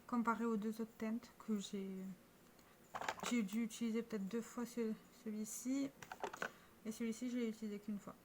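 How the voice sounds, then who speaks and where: A woman's voice: on the high side, level tone, normal speed, heavy background noise. A French-speaking woman talking casually to camera about her makeup, chatty and showing each product with small restarts. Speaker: beauty vlogger.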